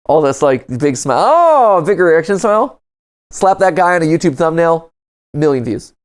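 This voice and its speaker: A reaction video host, male, reads on-screen text aloud and tosses in sarcastic jokes and exclamations in a casual commentary. His voice is slightly high and resonant, clear, with big swings in pitch at a moderate pace. Music plays behind him.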